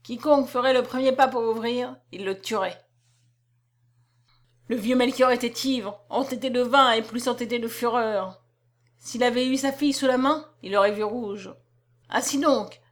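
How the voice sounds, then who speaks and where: A woman narrating a novel aloud in an expressive, dramatic reading. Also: fairly high pitch.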